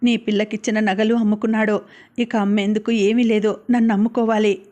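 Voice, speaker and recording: A woman voicing a grieving elderly grandmother who speaks in halting, tearful pleas. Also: medium pitch, flat delivery, dark tone, close to an everyday voice. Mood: sorrowful. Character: grieving elderly grandmother fretting over her son.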